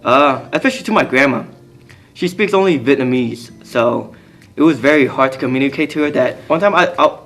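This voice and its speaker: A man's voice: mid-range voice, fairly bright tone. A young American man answering interview questions casually, chatty and laughing as he tells stories. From United States. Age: young adult.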